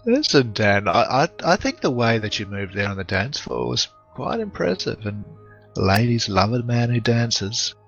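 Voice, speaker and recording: A man's voice: medium pitch, big pitch swings, moderate pace, gravelly, a bit bright, faint music behind. Hesitant man on a muffled mic. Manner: hesitant, filler-heavy. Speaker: player. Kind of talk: tabletop game play.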